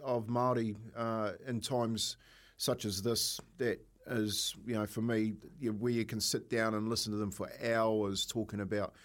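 A fairly low-pitched man with a broad Kiwi accent, talking as a radio co-host. His delivery is earnest and wordy, feeling its way through each thought in conversational commentary. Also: level tone, measured pace. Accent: broad New Zealand.

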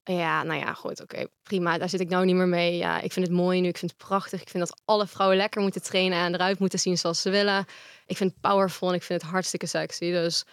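Woman guest chatting openly, pretty monotone, dry mic. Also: on the low side, quick pace, clean tone, dry recording. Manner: frank, talks at length. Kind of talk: casual interview talk.

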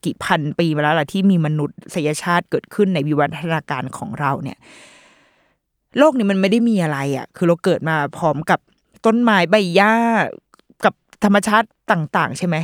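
A woman's voice: fairly low pitch, expressive, normal speed, dry recording. Woman, podcast host, casual chat, playful, dry close sound. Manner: chatty and playful, with lots of fillers and mock quoted voices.

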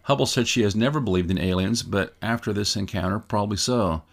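A man's voice: fairly low pitch, fast talker. A man hosting a show, giving casual, musing commentary and reading out articles in a conversational way. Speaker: host of a UFO news show.

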